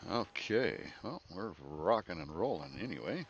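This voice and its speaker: Male flight sim player, very low voice with lively swings, casual joking asides over clear engine noise. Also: fairly quick, lo-fi sound. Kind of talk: casual gameplay commentary.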